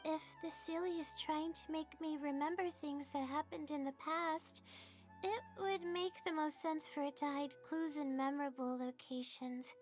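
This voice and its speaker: A woman's voice: sits high, steady tone, normal speed, faint music behind, natural voice. A woman voicing a shy, sleepy young female scholar in a video game, who talks hesitantly, rambles and often apologizes. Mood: timid musing. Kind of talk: video game character dialogue.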